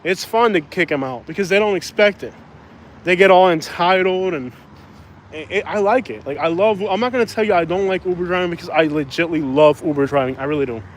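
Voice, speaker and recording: A man's voice: high-pitched, fairly quick, a little hiss or hum, rough recording. Blunt man chatting on a city street. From Cuban. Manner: blunt, opinionated, rambling with restarts. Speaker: rideshare driver and livestream vlogger. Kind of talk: casual livestream chat.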